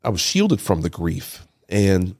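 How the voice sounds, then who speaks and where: Low gravelly man telling a personal story. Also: sing-song, darkish tone. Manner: halting, repeats words, emotional. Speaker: interview guest, father. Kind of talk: personal testimony, casual storytelling.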